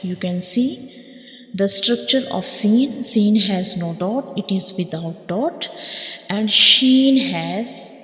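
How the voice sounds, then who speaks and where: A woman's voice: medium pitch, slow pace, reverberant, in a large hall, faint music behind. A woman teaching Quran letter pronunciation step by step, repeating each point and modeling the sounds. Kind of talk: slow step-by-step pronunciation lesson.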